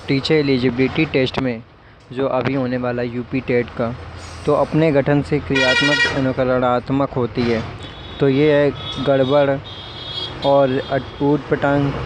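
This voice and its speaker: A male YouTube exam-prep teacher slowly reading out lists of vocabulary words one by one. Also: mid-range voice, noisy background. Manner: slow, listing words one by one.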